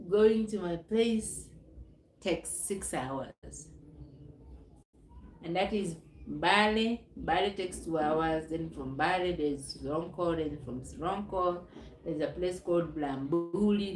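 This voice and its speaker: A woman's voice: fairly low pitch, slow pace, darkish tone, roomy sound, a little hiss or hum, poor audio. A woman from Uganda, chatting casually on her live stream, rambling and repeating herself. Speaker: livestream host. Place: noisy home with kids nearby.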